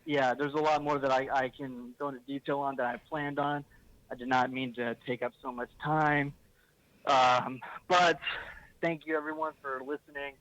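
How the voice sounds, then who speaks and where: A man's voice: mid-range voice, little pitch movement, normal speed, fairly bright tone, dry recording, dull audio. A young man hosting a podcast, ranting heatedly with swearing and emphatic bursts. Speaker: podcast host. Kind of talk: impassioned podcast rant.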